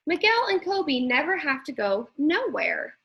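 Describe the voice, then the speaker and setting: Woman voicing a plaintive, curious young boy, high-pitched. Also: sing-song, a little slow, vocal fry, muffled recording, exaggerated voice. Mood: sulky, wistful. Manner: plaintive questioning, colloquial grammar.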